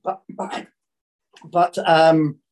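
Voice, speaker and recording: Male financial commentator, croaky throat, conversational podcast delivery with halting restarts and repeated phrases. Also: a little high, level tone, a little mellow.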